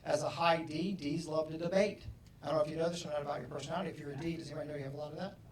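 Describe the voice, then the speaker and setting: Animated middle-aged man in an echoey hall. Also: fairly high pitch, very fast. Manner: animated, acts out dialogue, loud bursts. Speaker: motivational speaker. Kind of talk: keynote talk to an audience. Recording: roomy, distant hall mic, faint ambience.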